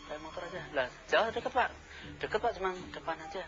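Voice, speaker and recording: A man's voice: sits high, fast talker. A man recounting events as a neighbor witness, acting out the dialogue as he tells it. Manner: animated, acts out the dialogue he retells. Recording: dull lo-fi TV audio with music. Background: music.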